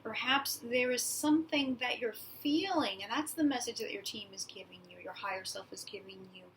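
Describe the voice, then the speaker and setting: A woman spiritual medium delivering an earnest, urgent channeled message to viewers, often dropping into a soft whisper. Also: fairly high pitch, brisk, a little hiss or hum.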